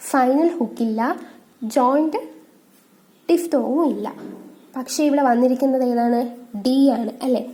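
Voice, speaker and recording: Lady teaching shorthand, high voice but mellow tone, quizzes then answers herself. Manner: asks questions and answers them herself, reads rules slowly. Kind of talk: explanatory lesson.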